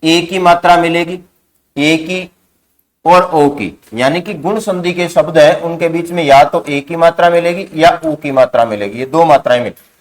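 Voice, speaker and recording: A man's voice: on the high side, moderate pace. A man with a slightly raised voice teaches a grammar lesson. He poses questions to the class and answers them himself. He repeats each key word so it can be copied down. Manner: repeats key words for dictation.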